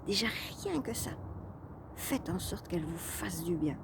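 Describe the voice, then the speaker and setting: A woman coach talks casually to her viewers in a talking-head vlog, chatty and hesitant, often using fillers and restarting sentences. Her voice is lowish and unhurried, with lively intonation and vocal fry, and there is background noise.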